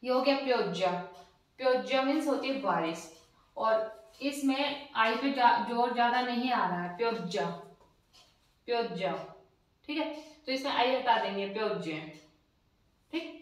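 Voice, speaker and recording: Female teacher, patient and repetitive, higher voice, very roomy and off-mic. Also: far from the mic. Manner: patient, repeats each word slowly. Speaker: language teacher. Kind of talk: explaining a lesson. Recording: very echoey room, voice off-mic.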